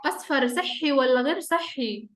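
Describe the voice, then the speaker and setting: Egyptian woman, high voice, teacher talking to little kids with simple coaxing questions and repeated praise. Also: animated, moderate pace, fairly bright tone. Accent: Egyptian Arabic. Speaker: teacher leading an online class of young children. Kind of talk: interactive lesson for small children. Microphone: computer or phone on a video call.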